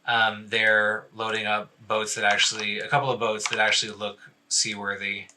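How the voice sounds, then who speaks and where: Man, dungeon master, very bright voice, rambling, filler-heavy narration. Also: fairly low pitch, completely flat delivery, moderate pace, slight background noise. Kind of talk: narrating a tabletop game.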